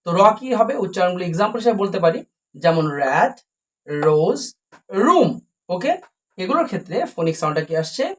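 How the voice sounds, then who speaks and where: A woman teaching English letter sounds, repeating example words slowly and answering her own questions. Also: on the low side, expressive. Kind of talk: phonics lesson.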